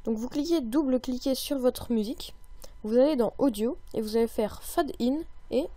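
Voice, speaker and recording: A woman recording a casual software tutorial, chatty and upbeat, with many fillers. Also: fairly high pitch, normal speed, soft background music. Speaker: tutorial maker.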